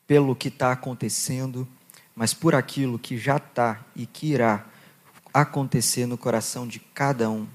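A young man from Goiás, Brazil, speaking Brazilian Portuguese with a Goiás accent, preaches a sermon to a youth conference. He jokes with the crowd, reads from the Bible, and prays in a quieter, lower voice.

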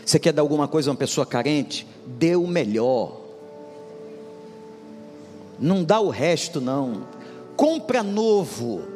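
A man's voice: fairly high pitch, big pitch swings, a little slow, long pauses, a little mellow. A male pastor delivering a humorous storytelling sermon, speaking animatedly and addressing the congregation directly. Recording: long hall reverb with music behind.

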